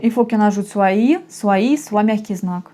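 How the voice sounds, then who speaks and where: A woman's voice: mid-range voice, mellow. A young woman from Russia, patiently teaching a language lesson and repeating each example. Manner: slow, patient explaining with repetitions.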